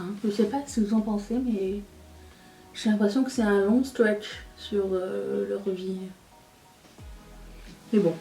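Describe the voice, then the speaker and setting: A woman's voice: mid-range voice, darkish tone, distant mic. Québécoise woman, makeup vlog chatter, wry asides, faint music bed. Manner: chatty, self-mocking, rambling asides. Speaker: beauty youtuber. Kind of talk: casual get-ready-with-me chat.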